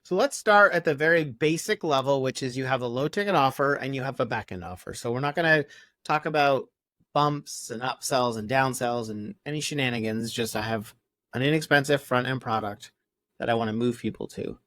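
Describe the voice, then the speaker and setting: A man's voice: medium pitch, fairly quick, fairly bright tone, no echo. A man co-hosting an online course, explaining in an upbeat, conversational way with worked examples. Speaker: course co-host. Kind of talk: casual course walkthrough.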